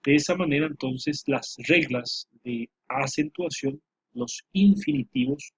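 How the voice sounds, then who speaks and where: Slow, husky man teaching a lesson. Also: on the high side, very animated, no echo. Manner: slow, repeats himself, many fillers. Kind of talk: spoken lesson over slides. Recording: dull dry lo-fi voice recording.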